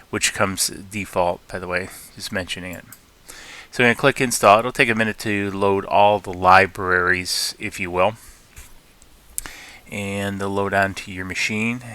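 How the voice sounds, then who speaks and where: A man hosting his channel, talking through a screen-recorded software tutorial with many fillers and restarts. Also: low-pitched, clear, resonant tone. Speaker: channel host.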